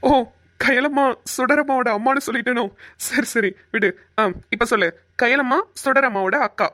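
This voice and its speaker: A silly young cartoon husband who rambles and gets muddled , played by a woman. He talks in a slightly high, eager voice and gets excited easily. The sound is dry and close. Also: moderate pace, dry recording, close to an everyday voice. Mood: comic. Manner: excitable, rambling comic delivery. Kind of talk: cartoon voice acting.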